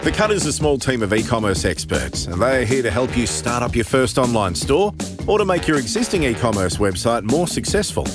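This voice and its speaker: A man's voice: medium pitch, big pitch swings, brisk. A man reading a scripted promotional podcast introduction as the announcer. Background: music.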